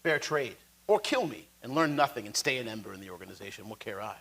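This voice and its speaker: A man's voice: lowish voice, animated, fast, fairly bright tone, voice pushed down, low-quality recording. A man voicing an arrogant, scheming male halfling informant who talks down to others in a tabletop game. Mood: haughty. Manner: haughty, dismissive, condescending.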